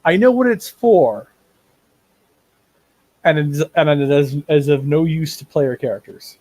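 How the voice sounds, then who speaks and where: A man's voice: on the high side, lively intonation, unhurried, darkish tone, dry recording. A man running a tabletop game as game master, rambling through tangents and repeating words as he builds his point.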